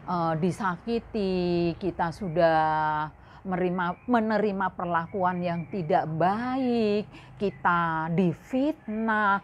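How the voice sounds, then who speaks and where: A woman teaching Sunday school, telling a Bible story to children and keeping them involved with questions. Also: a little hiss or hum. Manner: keeps asking questions and addressing the children directly; lively and expressive, swinging her pitch up and down.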